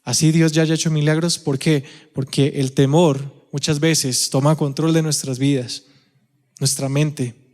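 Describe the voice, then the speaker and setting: A man with a Colombian accent preaching a sermon in a church auditorium, telling the story with animated acted-out quotes and questions to the congregation. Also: a little high, a little slow. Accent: Colombian Spanish. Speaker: pastor. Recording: long hall reverb.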